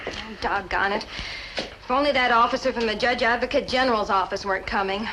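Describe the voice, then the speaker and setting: A woman's voice: a little high, background noise, close to an everyday voice. A woman playing an exasperated lieutenant. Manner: brisk, exasperated. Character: exasperated young female army lieutenant. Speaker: army lieutenant. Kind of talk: 1960s sitcom acting.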